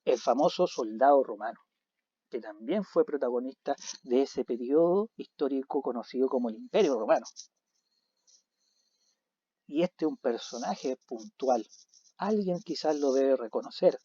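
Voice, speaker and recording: A man teaching a recorded video lesson, animated, asking questions and answering them himself. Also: mid-range voice, normal speed, husky, no echo. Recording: dull lo-fi recording.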